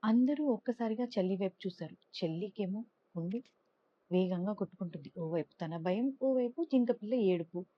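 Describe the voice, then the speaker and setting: A woman's voice: moderate pace, no room sound, dull audio. Woman telling a children's story. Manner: lively, expressive, raises pitch for characters' lines. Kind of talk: storybook narration with character voices.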